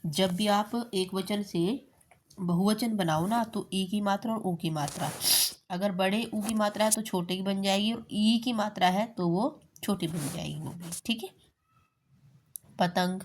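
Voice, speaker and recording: Woman teacher, patient and repetitive, says the words slow for the kids, mid pitch, bit of faint noise behind. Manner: patient, repeats words slowly, says "theek hai" often. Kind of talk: Hindi spelling lesson for children.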